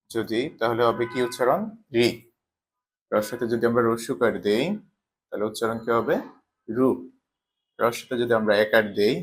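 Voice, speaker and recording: Male teacher, mid pitch, patient stepwise explanation with rhetorical questions. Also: a little hiss or hum. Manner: asks questions and answers them himself, repeats patterns. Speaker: Japanese language teacher. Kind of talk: explaining a lesson step by step.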